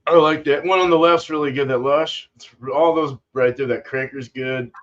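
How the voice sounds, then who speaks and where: A man's voice: a little high, fairly even intonation, normal speed, a bit bright, dull audio. A man chatting casually about beers with easygoing, offhand remarks. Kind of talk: casual chat.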